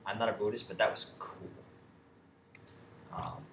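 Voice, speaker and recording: A young man with a low voice tells a story in a loose, rambling way, swearing freely and restarting his sentences often. He is recorded in an echoey room with a faint hum of ambience behind him. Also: flat delivery, unhurried, gravelly. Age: young adult. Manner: rambling, profane, with many restarts and fillers. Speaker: vlogger. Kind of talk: casual storytelling rant.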